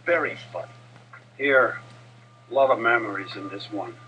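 A man's voice: fairly low pitch, normal speed, lightly acted. An actor playing a joking male prison inmate in a video game, with an offhand, wisecracking way of talking. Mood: wry. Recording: dull game audio with faint noise.

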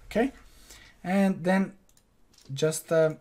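A high, somewhat mellow male voice moves slowly with fairly even intonation. He's a young Croatian online course instructor with a Croatian accent, casually guiding viewers through a screen-share tutorial from his home office, often restarting and leaning on fillers.

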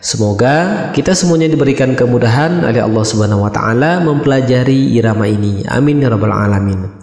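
A man hosting a recitation lesson, explaining the steps calmly and clearly. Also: mid-range voice, fairly quick. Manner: calm, step-by-step explaining. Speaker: channel host and recitation teacher. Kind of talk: instructional explanation. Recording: echoey room with long reverb.

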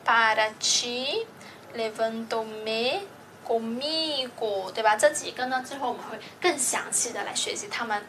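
A woman with a high voice teaches a grammar lesson. She explains patiently, one step at a time, and keeps checking that her students follow. A faint background hum sits under her voice. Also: quick pace, few pauses, fairly bright tone. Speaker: language teacher.

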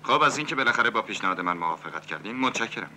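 A scheming cabaret owner. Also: male voice, lowish voice, expressive, bright, forceful tone, slight background noise. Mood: persuasive. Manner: smooth-talking, businesslike. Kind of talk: dubbed 1970s film dialogue.

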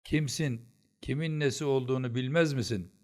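A man voicing a stern, quick-tempered old male tutor who shouts and scolds. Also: mid-range voice, lively intonation, pitched above the performer's own voice, lightly acted. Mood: scolding.

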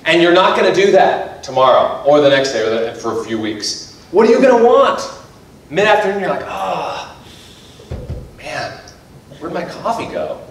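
A male pastor delivers a casual, conversational sermon, his pitch sitting a little high and swinging widely as he acts out everyday voices. He is heard from some distance off the mic. The sound rings heavily around a large, echoey church room. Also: sing-song, fairly quick. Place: church sanctuary.

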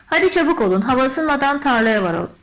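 A woman's voice: high-pitched, lively intonation, quick pace, reverberant. A woman voicing an alarmed farmer father. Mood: hurrying. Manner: urgent, exclaiming. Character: hardworking farmer father, upset.

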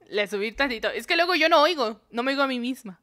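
A young woman streams a dating game, narrating the dialogue and teasing her viewers. Her voice sits a little high. The sound is close and dry, with no room echo. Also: fairly bright tone. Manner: reads game dialogue aloud and reacts with jokes to chat. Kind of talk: live game commentary.

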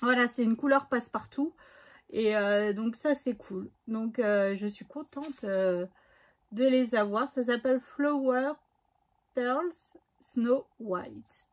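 A woman's voice: a little high, unhurried. A woman with a son, chatting casually and hesitantly through a scrapbooking haul with many fillers. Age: adult, has a son. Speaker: scrapbooking vlogger.

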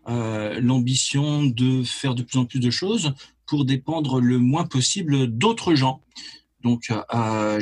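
A man, a musician being interviewed, who talks in a hesitant, halting way with many repeats and fillers. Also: medium pitch. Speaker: musician and label head, interview guest. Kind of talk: casual interview talk.

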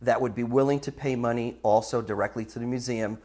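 A man's voice: mid-range voice, steady tone, brisk, a little mellow. Reflective man recalling an idea. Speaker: metal detecting hobbyist. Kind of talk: documentary interview.

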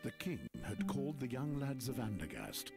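A man's voice: mid-range voice, huge pitch swings, moderate pace, creaky, a little mellow, faint music behind. A man narrating a fantasy video game story in a grand, dramatic, scripted style.

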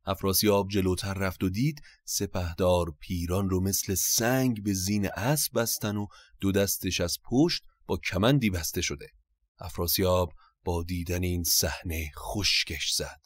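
A man retelling an epic tale in lively, dramatic colloquial prose. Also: low voice, dry recording. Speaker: storyteller.

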